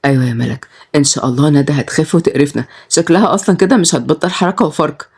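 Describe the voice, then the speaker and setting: A woman voicing a repentant former mafia boss, a young man speaking gently and earnestly in Egyptian Arabic. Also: a bass voice, steady tone, very fast, husky, voice pushed down. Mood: tender.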